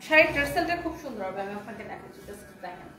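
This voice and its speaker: Talking very fast in a somewhat high, pushed, bright voice with lively intonation, a Bangladeshi woman hosts a live saree sale. She reads viewer comments aloud in an excited, chatty patter, and the room has an echo.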